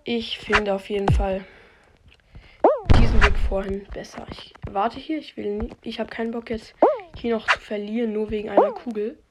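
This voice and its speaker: Woman on a noisy, low-quality phone mic. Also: moderate pace. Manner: slangy, swears, talks to herself and her listeners. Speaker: podcast host playing a video game. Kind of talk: casual live game commentary. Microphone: phone microphone.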